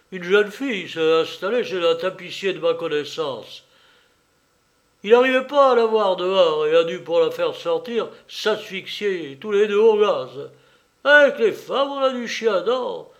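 A man putting on a loud, chatty soldier orderly. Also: sits high, pitched above the performer's own voice. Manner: loud, chatty, eagerly obedient. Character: cheeky, eager soldier orderly, male, middle-aged. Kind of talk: audiobook character reading.

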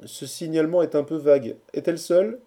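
A man's voice: fairly high pitch, brisk, warm tone, voice pushed up, close to an everyday voice. A man voicing a boisterous group of young male friends in a storybook reading, teasing and mocking.

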